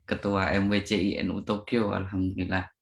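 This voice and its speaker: A man's voice: low voice, monotone, moderate pace, gravelly, over a noisy crowd. A man organizing the event, politely interrupting to introduce guests in a formal way.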